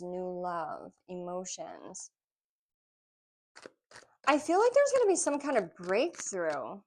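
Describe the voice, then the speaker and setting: A woman giving a casual intuitive tarot reading, musing aloud with pauses between phrases. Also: medium pitch. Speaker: tarot reader.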